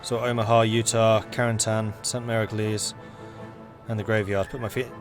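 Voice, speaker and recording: A young English-accented streamer chats casually with viewers, relaxed and rambling, reading game events aloud as he plays. His voice is fairly low at a normal speed, with faint music behind.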